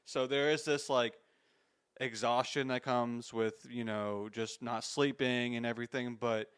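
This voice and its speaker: A man's voice: medium pitch, steady tone, a little slow, a bit bright, clean tone. A man in his thirties hosting a faith-based interview, reflective and encouraging, with frequent restarts. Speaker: podcast host.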